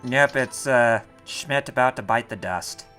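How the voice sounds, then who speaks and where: Bright-voiced man co-hosting a stream. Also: mid-range voice, a little slow. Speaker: live stream co-host. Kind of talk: casual gaming chat. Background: faint game music.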